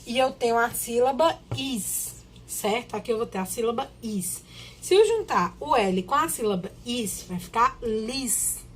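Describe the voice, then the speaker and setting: A woman's voice: on the high side, animated, a little slow, slight background noise. A woman teacher, giving a children's literacy lesson and patiently sounding out syllables one at a time.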